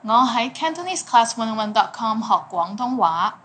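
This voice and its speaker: A woman teaching a language lesson, saying each phrase slowly and clearly, then translating it patiently. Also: a little high, very animated, fairly bright tone, slight background noise. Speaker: Cantonese teacher.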